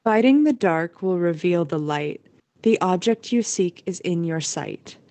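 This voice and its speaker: A woman with a mellow, somewhat low voice narrates an audio play, her scripted storytelling carrying lively intonation at a measured pace. The recording is very dry and close, with no room sound.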